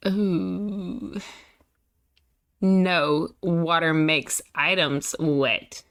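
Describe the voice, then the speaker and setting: A woman's voice: sits low, steady tone, drawn-out words. A young woman co-hosting a podcast with her husband, chatting casually, laughing often and teasing herself. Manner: laughs often, playful and self-mocking. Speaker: podcast co-host. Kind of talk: casual chat.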